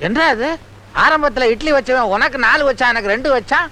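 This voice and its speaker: A man's voice: very high-pitched, brisk, bright, forceful tone. A man in a film comedy scene, scolding and sarcastic, picking quarrels. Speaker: comic actor in film scene.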